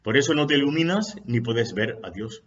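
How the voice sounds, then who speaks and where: A man voicing an older male spiritual master who answers a disciple calmly and matter-of-factly. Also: mid-range voice, normal speed, lo-fi sound, slight background noise, natural voice. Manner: calm, matter-of-fact answers.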